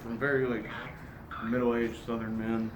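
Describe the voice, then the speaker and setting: A man talking casually and haltingly during a ghost hunt, sounding skeptical, on a noisy on-location phone recording. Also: medium pitch, little pitch movement. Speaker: amateur paranormal investigator. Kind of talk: casual ghost-hunting chat.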